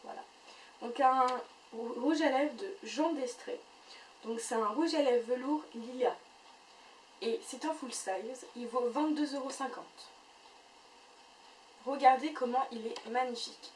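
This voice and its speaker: A woman's voice: a little high, roomy sound. A woman chatting casually as she unboxes and reviews beauty boxes, full of fillers and restarts. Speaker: beauty vlogger. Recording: voice a bit far from the mic, faint noise.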